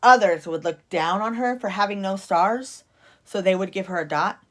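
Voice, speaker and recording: A woman's voice: medium pitch, moderate pace. A woman reading a children's storybook aloud expressively, like a teacher at story time.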